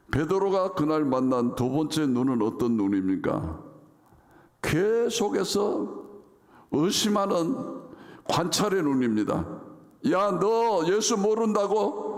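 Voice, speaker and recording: A man preaching a sermon as pastor in a church, reading scripture dramatically and acting out the quoted lines. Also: fairly high pitch. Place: church sanctuary. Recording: reverberant church sanctuary.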